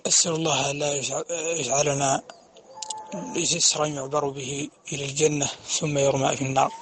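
A man giving a religious lecture, explaining steadily and chanting quoted verses slowly. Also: a little high, flat delivery, background noise. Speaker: preacher.

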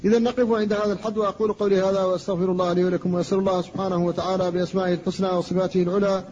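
A man teaching a classroom lecture, slowly and deliberately demonstrating how sounds should be pronounced. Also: high-pitched, flat delivery, a little mellow, long reverb tail. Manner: slow, deliberate demonstrations of pronunciation. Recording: dull lo-fi recording with faint noise.

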